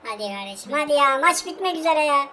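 A woman hosting a gaming channel, commenting on her match in a casual let's-play way, excitable and groaning loudly at what happens on screen while talking straight to her viewers. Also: sits high, fast. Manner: talks straight to viewers, over and over.

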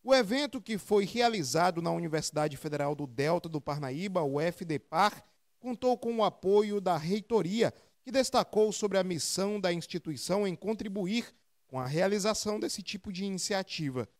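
Male news reporter, northeastern Brazilian accent, measured voice-over, higher voice. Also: expressive. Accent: Brazilian Portuguese, northeastern. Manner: measured, read script.

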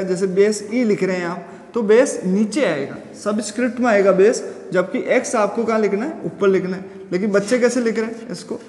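Physics teacher, man, high voice, asks the class questions as he explains, roomy reverb. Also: a little mellow. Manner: explains step by step with questions to students; chants Sanskrit verses slowly. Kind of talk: classroom lecture.

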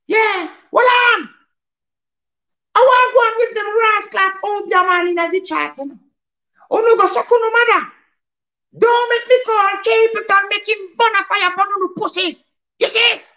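A man voicing a furious, foul-mouthed male sound-clash selector who shouts insults in patois. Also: slow pace, dull audio, exaggerated voice. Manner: shouted, high-pitched, insulting.

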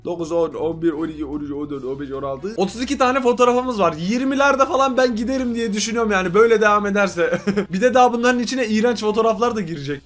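A man's voice: high voice, fast, a bit bright, faint music behind. A man hosting a reaction video, commenting on photos in a casual, exasperated and joking way, often laughing.

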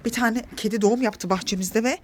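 A woman's voice: fairly high pitch, fairly quick, noisy background. A woman in her thirties, a mother filming a family vlog, coaxing her children and talking to viewers in a playful, exclaiming way. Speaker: mother and vlogger.

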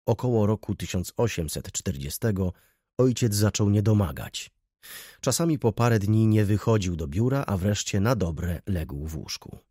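A man narrating an audiobook with an expressive reading. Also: lowish voice, moderate pace, breathy edge, no room sound, clean studio sound. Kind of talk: scripted narration.

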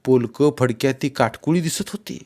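A man reading a literary story aloud in a measured, unhurried narration. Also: mid-range voice, a little mellow.

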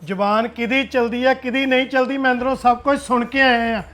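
Man doing a stern punjabi older brother, high voice, talks fast and lectures, music low behind. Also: steady tone, a bit bright. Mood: lecturing. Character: stern elder brother settling a family quarrel. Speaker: elder brother, head of household.

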